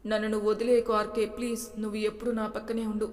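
A woman's voice: fairly high pitch, monotone, very fast, darkish tone, natural voice. Woman doing a tearful frightened young woman. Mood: pleading. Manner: pleading, subdued. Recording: reverberant room.

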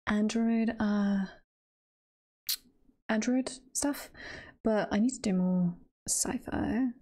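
On a live stream, a woman who streams and does voice roleplay chats casually with her viewers in a warm, medium-pitched voice at a slow pace. She's playful and giggly, rambling and letting her thoughts trail off.

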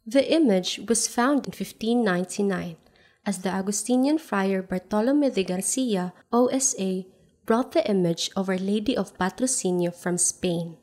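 A woman narrates a documentary script at a medium pitch. Her reading is steady and measured, laying out facts in an even, informative tone. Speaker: voice-over narrator.

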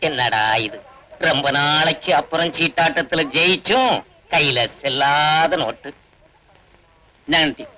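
A man's voice: a little high, lively intonation, a little slow, long pauses, pushed and bright, lo-fi sound. A man acting in a comic film as a cheeky cardplayer who mutters to himself and teases others. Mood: grumbling. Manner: teasing, chattering to himself. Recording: faint film soundtrack hiss.

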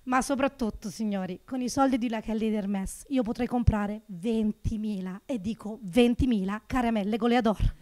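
This stand-up comedian, a woman in her thirties from Naples, works a small club stage with a handheld microphone. Her routine is sarcastic and animated, rising sharply for punchlines, in a fairly high voice at normal speed with hardly any pauses.

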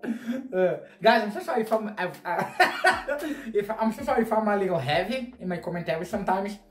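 Speaking at a moderate pace in a fairly high voice, this Brazilian man, a native Portuguese speaker with a Brazilian Portuguese accent, hosts movie reactions. His casual commentary is gushing and excitable, full of offhand swearing and wide gestures. The sound comes from a wired earphone mic in a small indoor bedroom, which gives it a roomy echo.

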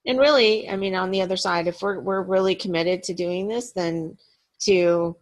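Woman hosting a video meeting, lowish voice, chatty, fillers. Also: moderate pace. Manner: chatty, laughing, many fillers. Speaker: meeting host. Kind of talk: casual video call meeting. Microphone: video call.

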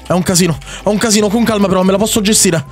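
A young man giving excitable gameplay commentary, repeating himself rapidly and teasing his opponent. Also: high-pitched, soft background music. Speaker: Minecraft YouTuber.

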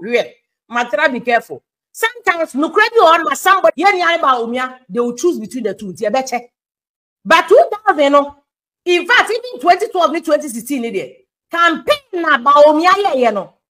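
Ghanaian woman, political commentator, high voice, animated delivery. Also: rough recording. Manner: animated, switching between English and Twi. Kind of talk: political talk show commentary.

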